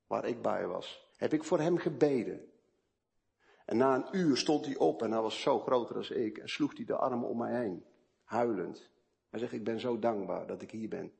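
A man delivers a sermon built on personal testimony, moving back and forth between quiet storytelling and forceful outbursts. His voice sits in the mid range and carries some vocal fry.

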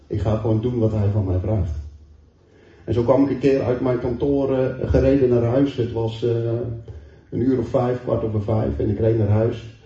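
A man's voice: mid-range voice, dark tone. A man preaching a sermon, telling a personal testimony in an earnest storytelling way and reading scripture aloud. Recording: roomy, distant, dull hall mic.

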